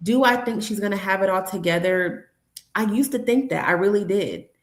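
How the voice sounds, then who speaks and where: Woman in her 30s, candid storytelling guest, mid pitch, echoey room. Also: normal speed. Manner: candid, storytelling, acts out dialogue with her daughter. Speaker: guest, nurse educator and mother. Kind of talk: conversational interview.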